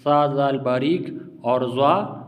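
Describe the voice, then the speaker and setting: A man teaching tajweed pronunciation in a patient, encouraging lesson, repeating letters slowly and drawn out. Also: medium pitch, in a large hall. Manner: affectionate, encouraging. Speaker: Quran recitation teacher.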